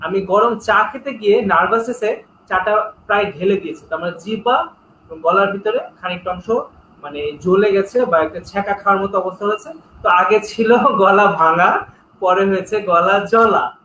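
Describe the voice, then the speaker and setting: A man's voice: sits high, normal speed, sharp tone, echoey room, a little hiss or hum, rough recording. A man guest speaker on public speaking, earnest and instructive, telling stories in an interview. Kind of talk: interview talk, storytelling.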